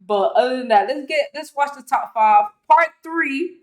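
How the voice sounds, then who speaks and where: A woman's voice: a little high, a little fast, a little mellow. A woman hosting a reaction video in casual chat, talking loosely with slang and frequent laughter. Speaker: reaction channel host.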